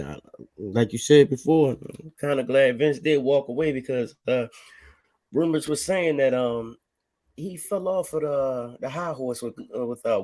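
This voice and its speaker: Easygoing male co-host, mid-pitched voice, halting delivery. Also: darkish tone, no echo. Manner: easygoing, hesitant, many fillers. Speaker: podcast co-host. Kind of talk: casual late-night wrestling chat.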